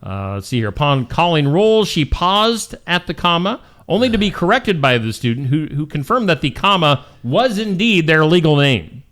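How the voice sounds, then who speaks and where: A man's voice: on the high side, very animated, moderate pace, hardly any pauses, fairly bright tone. A man hosting a morning show, reading out weird news stories in a jokey, casual way. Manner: jokey, reads stories aloud and laughs at them.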